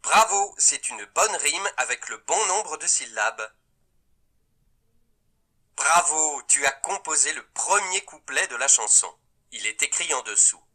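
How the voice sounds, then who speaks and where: A man giving scripted instructions and praise to a child in a learning app, in a steady, encouraging way. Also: a little high. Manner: slow, cheerful praise to a child.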